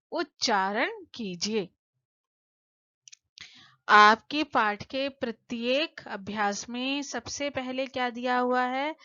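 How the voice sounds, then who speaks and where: A woman teaching a lesson to children, patiently asking questions and answering them, slowing down to spell out word forms. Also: on the high side, bright, forceful tone, no room sound, muffled recording. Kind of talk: explaining a textbook lesson to children.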